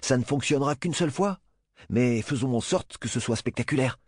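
A man's voice: medium pitch, brisk, a little mellow, dry recording, studio quality, voice pushed up, lightly acted. A man voicing a young boy fleet commander, decisive and urgent in an audiobook. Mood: commanding.

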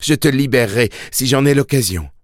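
Desperate young mom pleading hard, higher voice, guy reading her in an audiobook. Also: brisk, no room sound, clean studio sound, natural voice. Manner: raised pleading voice, urgent.

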